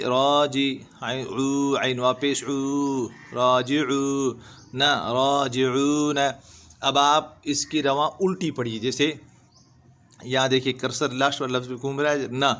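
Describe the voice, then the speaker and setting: A man gives a patient, step-by-step reading lesson, spelling letters one at a time and stretching out long vowels. His voice sits at an ordinary middle pitch. He talks like a teacher walking a student through each line. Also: a bit bright. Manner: spells letters slowly, then draws out the syllables. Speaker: Quran teacher. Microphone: voice-over over screen recording.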